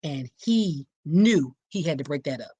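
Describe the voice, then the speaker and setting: A woman's voice: sits low, measured pace, husky, dry recording, highs cut off. A middle-aged woman from Philadelphia with a Philly accent, hosting a book discussion podcast and speaking emphatically, straight to her listeners. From Philadelphia, USA. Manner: animated, talks directly to listeners, emphatic. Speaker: podcast host.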